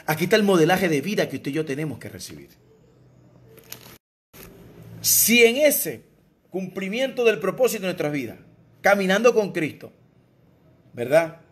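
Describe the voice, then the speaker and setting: Man, pastor, Venezuelan accent, sermon, somewhat high voice, animated, rhetorical asides, soft-to-emphatic swings. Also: a little fast. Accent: Venezuelan Spanish.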